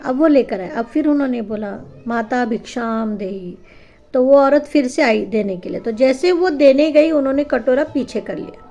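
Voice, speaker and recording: A woman telling a devotional story in a lively, animated manner, adding her own asides. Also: high voice, moderate pace.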